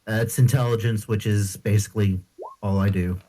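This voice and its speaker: A man's voice: fairly low pitch, steady tone, moderate pace, warm tone, slight background noise. A man taking part in a tabletop role-playing game, talking casually as a player and partly in character.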